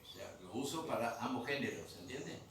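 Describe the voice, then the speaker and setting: A male language teacher in a museum room talks fairly quickly in an animated, medium-pitched voice with a fairly bright tone. He patiently repeats grammar terms and checks that students are with him. Echo, a distant microphone, and faint noise mark the recording.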